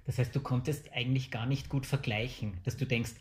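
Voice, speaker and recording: A woman's voice: extremely low pitch, steady tone, brisk, darkish tone. A woman interviewer asking patient, encouraging follow-up questions.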